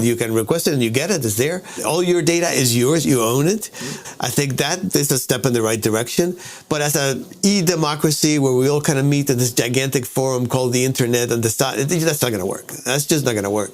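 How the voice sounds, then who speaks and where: A man being interviewed as a guest author, explaining his ideas at length and often repeating himself and checking in with "all right?". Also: medium pitch. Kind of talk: conversational interview answers.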